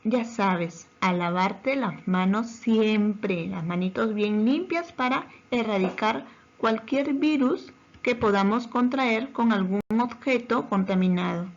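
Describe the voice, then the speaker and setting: Slow, patient woman teacher. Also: medium pitch, muffled recording, a little hiss or hum. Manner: slow, careful, questioning delivery with deliberate pauses. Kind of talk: remote grammar lesson for children.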